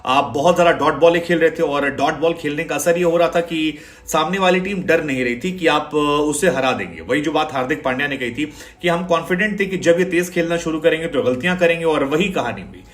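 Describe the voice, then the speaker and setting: A man's voice: on the high side, brisk, reverberant. A man giving a chatty, sarcastic cricket match analysis, dropping English phrases into his talk.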